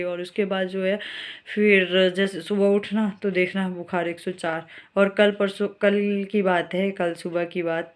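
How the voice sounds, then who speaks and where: Worried woman with a flat voice. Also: lowish voice. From Himachal Pradesh, India. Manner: worried, rambling storytelling. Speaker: vlogger. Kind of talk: casual vlog talk.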